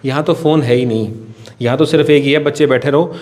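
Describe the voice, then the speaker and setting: A man's voice: medium pitch, steady tone, fast, a little mellow. Impassioned man pleading his case. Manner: impassioned, pleading, repeatedly addresses the interviewer as sir. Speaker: coaching academy director. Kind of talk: earnest interview answers.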